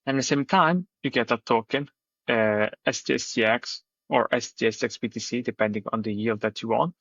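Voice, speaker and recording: Man, choppy robotic connection, methodical explainer, muffled lo-fi call, fry in voice. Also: mid-range voice, fairly quick, a bit bright, no echo. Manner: methodical step-by-step explanation with frequent "like". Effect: choppy, robotic-sounding internet connection. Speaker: guest from a crypto staking project. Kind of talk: explaining finance strategies on a live audio show. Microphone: remote call connection. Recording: dull, lo-fi, dry call audio.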